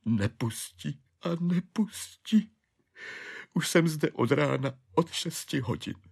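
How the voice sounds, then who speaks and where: A man's voice: on the high side, expressive, vocal fry, darkish tone, husky, pitched above the performer's own voice, full character voice. A man voicing a despairing middle-aged clerk and father, who pleads and wails in self-pity. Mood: desperate. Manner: wailing, pleading, self-pitying.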